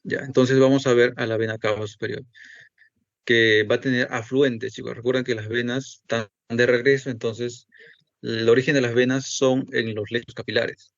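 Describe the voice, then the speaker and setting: This is a recorded anatomy lecture in which a male teacher works through the material one step at a time, posing the students' questions to himself. He speaks at a normal pace with a medium pitch that barely moves. The sound is dull, dry, and low-fidelity.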